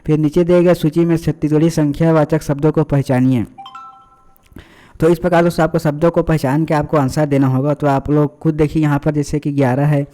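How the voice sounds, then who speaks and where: A man's voice: a little high, level tone, fairly quick, dark tone. A man explaining exam answers as a tutor. He addresses viewers as friends and uses many fillers and repetitions.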